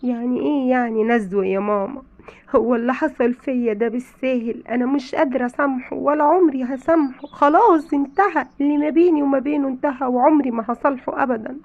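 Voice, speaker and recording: A woman's voice: high voice, fast talker. A woman with an Egyptian accent playing a betrayed, unforgiving young wife who accuses her husband insistently in a skit. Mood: angry. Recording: dull lo-fi with faint noise.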